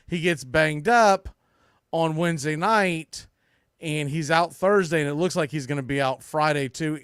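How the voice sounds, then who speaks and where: A podcast host with a slightly high, fairly bright, very clear and smooth voice gives opinionated baseball commentary. He leans hard on key words and stretches them for emphasis, recorded close and dry with no echo.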